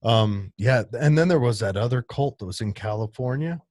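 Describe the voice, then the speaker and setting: A man's voice: mid-range voice, lively intonation, moderate pace, a little mellow, no echo, studio quality. A man co-hosting a podcast, making joking asides in casual chat. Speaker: podcast co-host.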